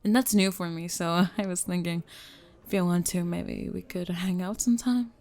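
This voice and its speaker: A woman's voice: on the low side, steady tone, normal speed, a little mellow, natural voice. A woman playing a tough, guarded young woman who awkwardly lets her guard down in a scripted ASMR dating role-play, hesitant and casual. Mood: awkward, softened.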